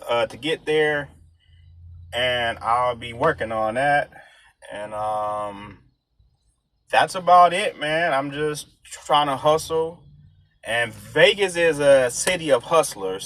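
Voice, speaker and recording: A man from the United States rambling casually in slangy street talk, halting often as he thinks out loud. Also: medium pitch. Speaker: vlogger.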